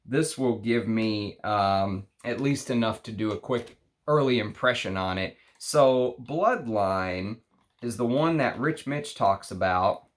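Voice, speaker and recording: A man with a Texas accent chatting unscripted through an unboxing, halting and thinking aloud as he reads out names. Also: fairly low pitch. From Texas, United States. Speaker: fragrance review show host. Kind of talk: unscripted unboxing chat, reading out names and notes.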